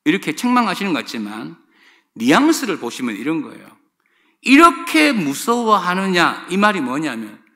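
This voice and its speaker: Male pastor, middle-aged, sermon; high, animated, bright delivery. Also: gravelly. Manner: emphatic preaching, addressing the congregation directly. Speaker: senior pastor.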